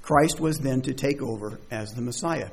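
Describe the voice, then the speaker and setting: A man's voice: medium pitch, moderate pace, creaky, breathy edge. A man preaching a conversational sermon, reading verses and asking rhetorical questions. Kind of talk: sermon, bible study.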